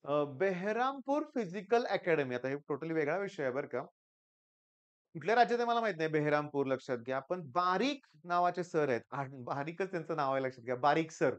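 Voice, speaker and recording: A middle-aged male tutor with a Marathi accent, coaching exam students in an emphatic motivational talk. He drives points home with loud stresses, then drops into quiet asides, repeating his reminders to pay attention. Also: on the high side, expressive, fairly quick. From Maharashtra, India. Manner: emphatic, often repeats "lakshat ghya".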